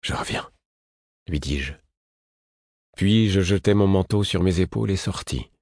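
This first-person audiobook is told by a man whose very deep, husky voice has a slightly mellow edge. He reads in a measured, somber way, and the close recording is completely dry.

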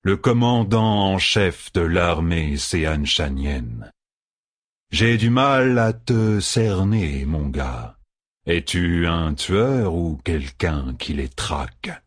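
A man plays a gruff, middle-aged tavern keeper in a fantasy audiobook, deep and unhurried. He speaks slowly and quietly, in a husky voice. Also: expressive, dry recording, studio quality, full character voice. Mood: grim. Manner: slow, low and measured.

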